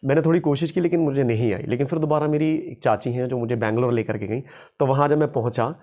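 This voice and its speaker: A man talks quickly and freely as the guest of an interview, recounting his work as an English teacher. He sounds humble and keeps circling back over his own phrases. His voice sits at an ordinary middle pitch. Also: warm tone. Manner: fast-talking, humble, repeats phrases. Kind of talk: casual interview.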